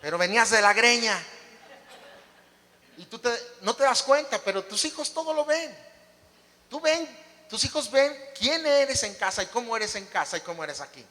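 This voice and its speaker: High, bright-voiced emphatic pastor. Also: male voice, very animated, moderate pace, in a large hall. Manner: emphatic preaching with rhetorical questions to the congregation. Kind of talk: sermon. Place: church.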